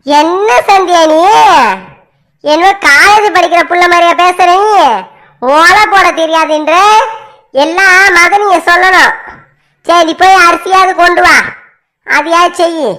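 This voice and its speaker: A woman's voice: very high-pitched, measured pace, pauses often, bright, forceful tone, heavily acted. A woman voicing a bossy mother-in-law who scolds and gives orders in a family drama.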